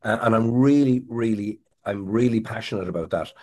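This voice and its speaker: A middle-aged Irish man with a very low voice and a husky edge tells a rambling story as an interview guest. He circles back and restarts his sentences as he goes. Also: a little fast, mellow. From Ireland. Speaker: guest, crime writer.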